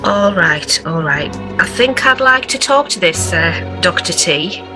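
Brief: a woman as an inspector, measured and courteous, music behind. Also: fairly low pitch, lively intonation, poor audio. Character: polite, dogged female police inspector. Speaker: improv actor.

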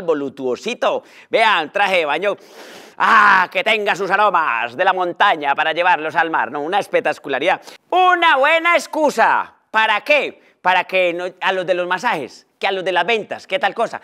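A young adult man doing a joking comedy monologue in an animated way. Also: sits high. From Colombia. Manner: animated, jokey, breaks into laughter. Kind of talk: comic vlog monologue.

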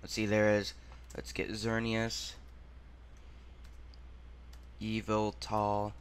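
A man hosting a gaming channel, thinking aloud through a quiz in a muttering, halting way and sounding out words as he goes. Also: on the low side, completely flat delivery, clear, resonant tone.

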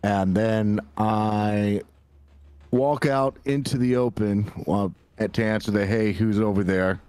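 A man's voice: lowish voice, fairly even intonation, slow pace, a little mellow, clear, resonant tone, no room sound. A man playing a tabletop game, talking casually and swearing freely. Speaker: player.

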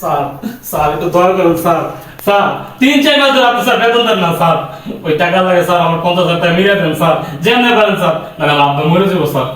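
Guy doing a tearful servant begging the boss, bengali accent, fast high voice, far away roomy mic. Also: animated, a bit bright, slight background noise. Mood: pleading. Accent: Bangladeshi Bengali. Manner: pleading, repeats 'sir' over and over. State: crying. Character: desperate young male servant begging for his wages. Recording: echoey room, mic far off.

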